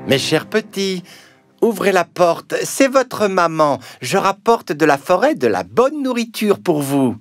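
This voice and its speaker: Un loup rusé de dessin animé. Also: male voice, high-pitched, very animated, unhurried, soft background music, full character voice. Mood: faussement doux. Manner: fake-sweet, scheming. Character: sly hungry male wolf. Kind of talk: cartoon voice acting.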